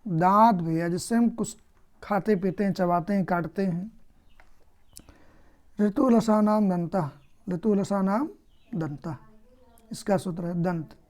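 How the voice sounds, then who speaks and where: A woman teaching a grammar lesson who asks her own questions and then answers them, patient and unhurried. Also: mid-range voice, darkish tone.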